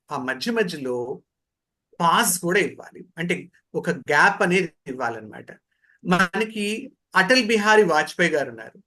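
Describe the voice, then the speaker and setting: A voice modulation trainer, a man with a slightly high, sharp-toned voice, delivers an interactive training lecture. He teaches didactically, asking questions and repeating key phrases.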